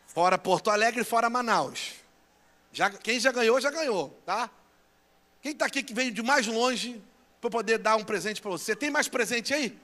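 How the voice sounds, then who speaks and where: A Brazilian pastor making playful, teasing announcements and bantering with a live conference crowd. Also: male voice, extremely high pitch, normal speed, sharp tone. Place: large church conference hall. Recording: long echo of a big hall.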